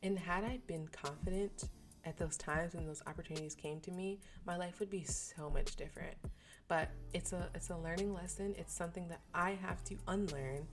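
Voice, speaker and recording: A woman hosts her own podcast in a slightly low voice, talking openly in a loose, slangy way. She restarts her phrases often and keeps an earnest tone. Soft music plays faintly behind her. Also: fairly even intonation, moderate pace. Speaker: podcast host. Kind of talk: candid solo podcast talk.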